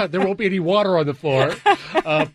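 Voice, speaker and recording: An American man with flat vowels chats casually on the radio as a guest, in a folksy, halting way. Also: high-pitched. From US West Coast. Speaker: guest, garden show organizer.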